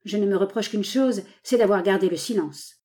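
A woman's voice: medium pitch, normal speed, dark tone, lightly acted. A woman reading aloud, voicing a devoted older governess with grave, confiding delivery. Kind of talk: audiobook dialogue reading.

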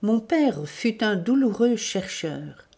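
A woman's voice: medium pitch, lively intonation, takes it slowly, creaky, a little mellow, voice pushed up, heavily acted. A woman voicing an earnest young woman. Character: earnest young woman defending her father.

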